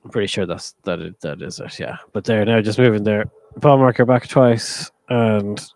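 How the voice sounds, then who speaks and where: A man giving live golf commentary as a commentator, hushed and hesitant, thinking aloud as he goes. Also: lowish voice, normal speed, dry recording.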